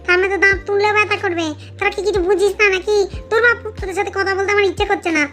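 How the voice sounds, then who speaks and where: A woman's voice: sits high, fairly even intonation, normal speed, a bit bright, soft background music. A woman voicing a fussy middle-aged female ghost with a toothache in a cartoon. She sounds whiny and bossy, and she bargains to get her way. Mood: annoyed. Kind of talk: cartoon voice acting.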